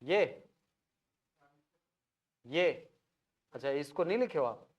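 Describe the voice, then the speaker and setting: High-voiced Hindi teacher drilling a class. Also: male voice, lively intonation, slow, highs cut off. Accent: Chhattisgarhi Hindi. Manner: drills syllables aloud, often checks if students follow. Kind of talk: classroom lecture. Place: classroom with board.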